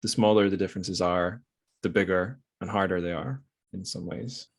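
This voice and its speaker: Speaking at normal speed in a low-pitched, slightly rough voice, a Scottish man hosts a podcast recorded cleanly in a studio with no echo. He muses about books in a casual, reflective, rambling manner, wry and self-correcting.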